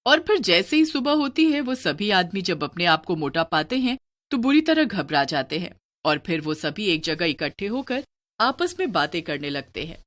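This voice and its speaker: A woman narrating a cartoon story in an expressive, storytelling manner. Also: on the low side, normal speed.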